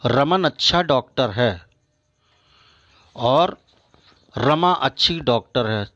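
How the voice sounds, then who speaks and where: Male teacher, slow lesson, lo-fi. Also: mid-range voice, animated, pushed and bright. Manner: slow, deliberate listing of example words; repeats "है ना" to check understanding. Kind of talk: grammar lesson. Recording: dull lo-fi recording.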